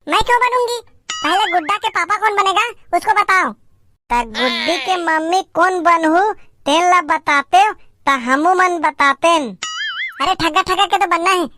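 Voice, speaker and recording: A woman's voice: very high-pitched, bright, forceful tone, slight background noise. A woman voicing playful village children in a cartoon, speaking with a Chhattisgarhi accent in teasing, giggly banter. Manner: teasing, giggly, quick back-and-forth banter. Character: playful bickering village kids staging a doll wedding. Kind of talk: cartoon comedy voice acting.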